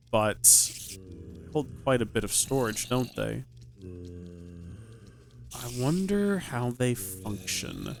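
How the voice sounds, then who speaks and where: A young man hosting a Minecraft let's play, thinking aloud and asking question after question in amazed, animated commentary. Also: mid-range voice, creaky. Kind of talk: excited gameplay commentary.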